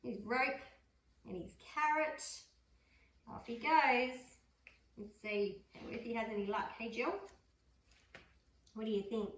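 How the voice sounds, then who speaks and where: A woman reading a picture book aloud to a dog, adding gentle chatty asides between pages. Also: a little high, fairly even intonation, slow, long pauses. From Australia. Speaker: storybook reader. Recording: roomy room, mic far off.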